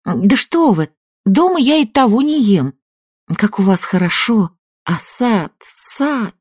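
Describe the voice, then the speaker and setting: A man reading an audiobook, voicing a courteous young woman who acts modest and speaks in a measured, earnest way. Her voice sits well above his own, in a lively tone with a dry, close sound. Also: sits high, no echo, pitched above the performer's own voice. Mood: polite. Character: polite young woman, poised, falsely modest.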